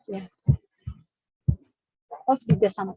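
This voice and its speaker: A woman's voice: medium pitch, takes it slowly, warm tone, husky, no room sound, rough recording. A woman teaching a tajwid lesson in a mosque class, patient and repetitive, often checking in with her listeners. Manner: patient, repeats points with frequent "ya" checks. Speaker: Quran recitation teacher.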